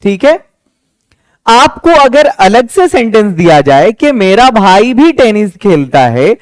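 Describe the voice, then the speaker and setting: A young man teaching a spoken English lesson, patiently explaining and slowly repeating example sentences. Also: sits high, sing-song, no room sound.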